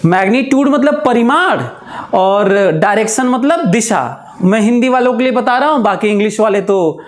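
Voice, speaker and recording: A man teaching physics, listing terms slowly and repeating himself, with moral asides. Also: sits high. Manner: slow, repetitive, lists terms aloud, drifts into moral asides. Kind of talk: classroom lecture.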